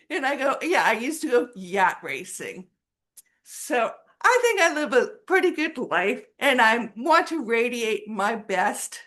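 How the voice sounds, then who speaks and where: A woman with a high, bright voice that swoops up and down talks slowly and jokes her way through an answer on a video call. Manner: animated, jokey, slow. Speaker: club member answering a question.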